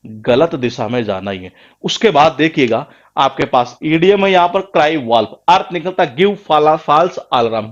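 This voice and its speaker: A man's voice: a little high, highs cut off. Hindi-speaking male tutor quizzing himself. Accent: Rajasthani Hindi. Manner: rhetorical questions, answers them himself; repeats words for emphasis. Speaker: English teacher for exam prep. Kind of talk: classroom lecture.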